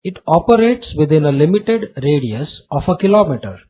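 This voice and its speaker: A man playing a short, narrow-eyed salesman who delivers a slick sales pitch like a recorded program. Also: sing-song, normal speed, mellow. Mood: smooth selling.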